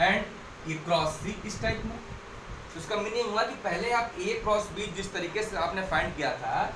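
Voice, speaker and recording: A man's voice: sits high, background noise. A man teaching a maths class step by step, repeating key points and mixing English phrases into his explanations. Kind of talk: blackboard maths lesson. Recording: echoey room, mic at a distance.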